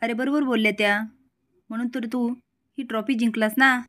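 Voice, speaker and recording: A woman's voice: fairly high pitch, fairly even intonation, a little fast, a bit bright, lightly acted. A woman voicing a brash, scheming village father who talks in a blunt, swaggering rustic way, in a spoken serial recap.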